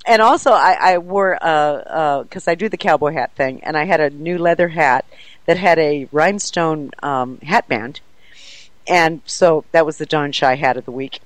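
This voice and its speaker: A woman who organizes paranormal events, telling an excited story in an interview, animated and laughing often. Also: low voice, normal speed, no room sound, rough recording.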